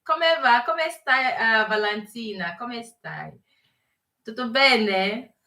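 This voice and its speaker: A woman hosting a casual live chat with viewers, mixing English and Italian and often pausing to search for words. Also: fairly high pitch, animated, bright, forceful tone, roomy sound, far from the mic. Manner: mixes English and Italian while greeting viewers. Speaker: live stream host.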